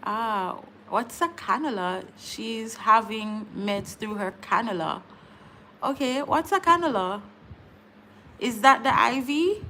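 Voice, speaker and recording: A woman's voice: on the high side, animated, slow, sharp tone, a little hiss or hum. A woman, hosting a casual live stream, chatting with viewers, laughing often and repeating words as she talks. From Jamaica. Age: 30s. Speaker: livestream host.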